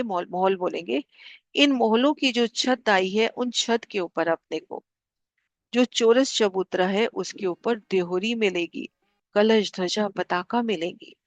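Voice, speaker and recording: Calm woman teaching a devotional class. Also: medium pitch, dry recording. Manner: calm, guiding, repeats figures for clarity. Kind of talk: devotional lesson explaining maps.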